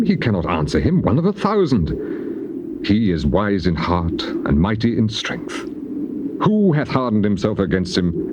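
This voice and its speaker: An actor playing Job, an anguished, weary righteous sufferer, declaiming his case in a theatrical dramatized Bible reading. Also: mid-range voice. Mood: grave, awed, then impassioned awe. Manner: declamatory, rhetorical, swelling questions and falling sighs. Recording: muffled, noisy old cassette tape transfer.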